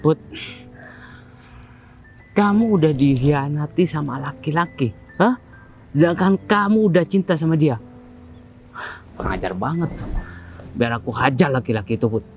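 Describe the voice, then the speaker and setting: A man's voice: a little high, animated, moderate pace, long pauses. Guy doing a cocky jealous young dude, hot-headed, lots of "hah?", voice swings all over, bit of music behind. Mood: pushy concern. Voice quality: repeated challenging "hah?" after lines. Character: brash boastful young man, hot-tempered, jealous. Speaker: rival suitor. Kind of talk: low-budget web drama acting.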